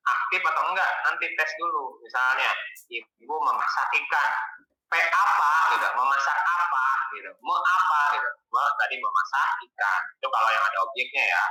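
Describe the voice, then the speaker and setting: A man tutoring for an exam in a relaxed, colloquial way, asking questions and answering them himself. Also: medium pitch. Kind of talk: casual exam-prep lesson. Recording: echoey room, distant mic.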